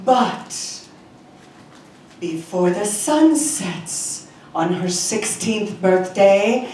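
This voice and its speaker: A woman's voice: sits high, exaggerated voice. A woman playing a gleefully wicked fairy-tale sorceress, speaking a curse in a theatrical, menacing way on stage. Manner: slow, theatrical, menacing, cackling. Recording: echoey hall, far mic, faint noise.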